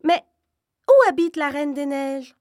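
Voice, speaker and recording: Cast a woman as an earnest storybook girl, high, brave, sweet, unhurried. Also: animated, darkish tone, no echo, studio quality. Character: brave little girl searching for her friend.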